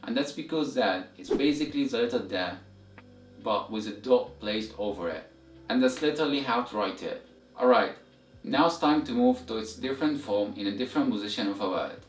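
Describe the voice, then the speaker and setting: A man's voice: mid-range voice, expressive. Man teaching a language lesson, roomy echo. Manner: methodical, repeats examples slowly for learners. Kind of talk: instructional lesson, step-by-step explanation. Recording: roomy echo, distant mic, music behind.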